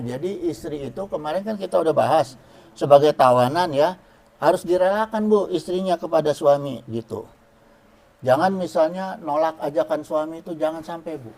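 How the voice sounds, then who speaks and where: A man giving a relaxed, joking religious lecture to women, chanting Arabic phrases slowly. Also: on the high side. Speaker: preacher.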